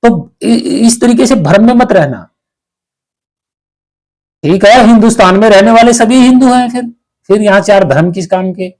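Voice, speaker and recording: A man giving a slow, explanatory spiritual discourse, often checking that listeners follow. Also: high-pitched, a little mellow. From Haryana, India. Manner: slow, explanatory, asks "ठीक है" to check understanding. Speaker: spiritual teacher.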